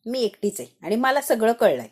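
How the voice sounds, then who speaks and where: A woman's voice: on the high side, very animated, normal speed, a little mellow, slightly rough. A woman voicing a clever young woman who teases and soothes a relative, in a spoken serial recap. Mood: teasing. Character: clever young woman calming a family quarrel.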